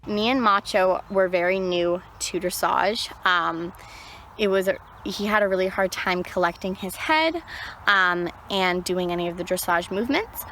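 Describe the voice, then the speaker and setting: A woman's voice: fairly low pitch, normal speed, fairly bright tone, slight background noise. A woman rider giving a personal, informal recap of her own experience. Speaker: horse rider. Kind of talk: personal recap of a riding clinic.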